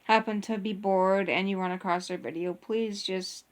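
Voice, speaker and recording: A young adult woman vlogs with her partner, chatting casually and rambling with lots of restarts and filler words. She speaks at normal speed in a steady, mid-range voice.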